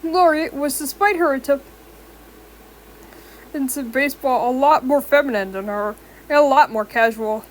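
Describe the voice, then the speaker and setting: A woman's voice: sits high, slight background noise. A young woman with a sore throat reading a fan-fiction story aloud, often stumbling and correcting herself. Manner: stumbling, rereads and corrects words.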